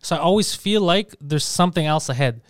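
A man in his thirties, chatting casually on a podcast, profane and animated. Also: a little high, a little fast, no room sound, clean studio sound. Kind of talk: casual chat.

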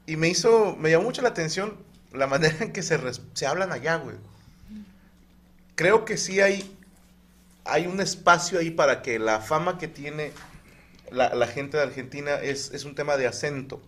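A man's voice: on the high side, moderate pace. A man telling stories in a casual comedic podcast chat and acting out other people's lines. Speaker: podcast co-host.

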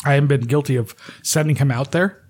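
An American man co-hosts a podcast in a loose, conversational way. He is offhand and wry, swearing casually as he banters. His pitch is an ordinary medium. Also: fast, darkish tone, breathy edge. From New York State, US. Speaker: podcast co-host.

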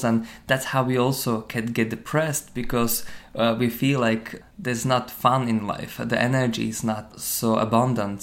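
Slovak-born man, personal trainer. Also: medium pitch. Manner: non-native phrasing, thoughtful with many fillers. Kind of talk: interview storytelling.

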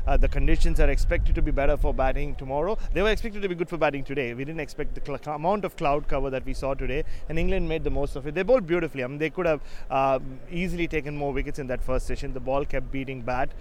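A man's voice: on the high side, slight background noise. A man giving chatty, conversational analysis of a cricket match as a pundit, musing at length.

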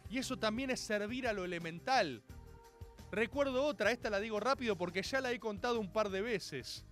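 A young Argentine man with a Rioplatense accent doing stand-up, telling a story in a mock-solemn, grandiose way and breaking into loud shouted voices. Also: high voice, fairly quick, faint music behind. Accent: Rioplatense Spanish. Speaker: comedian.

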